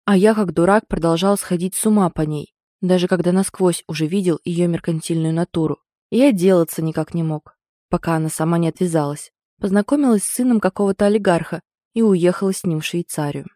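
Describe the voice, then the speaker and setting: A woman's voice: lowish voice, fairly quick, mellow, no echo, clean studio sound, close to an everyday voice. Stern commanding man, read by a woman. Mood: bitter. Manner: firm, barking orders. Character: stern commanding man, protective older brother.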